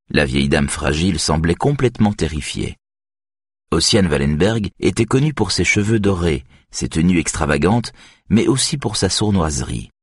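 A man reading an audiobook in measured, even scripted narration. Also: deep voice, slightly rough, no room sound, studio quality.

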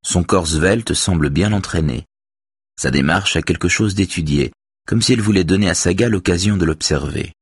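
A male audiobook narrator with a very low, husky voice. He reads in a measured, even way. The recording is close and completely dry. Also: no echo. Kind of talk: scripted narration.

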